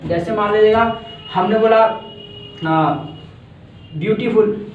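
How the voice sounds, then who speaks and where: A man's voice: high voice, slow pace, slight background noise. A man from India teaching a grammar class, patiently repeating words and breaking them into syllables. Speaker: English teacher. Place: echoey classroom. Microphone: far from the mic. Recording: echoey room, distant dull lo-fi mic.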